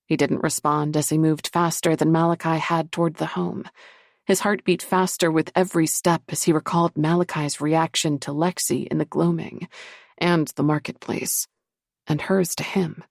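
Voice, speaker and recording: A woman narrating a paranormal romance audiobook in a measured, steady reading. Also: sits low, vocal fry, dry recording, studio quality. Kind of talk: scripted narration.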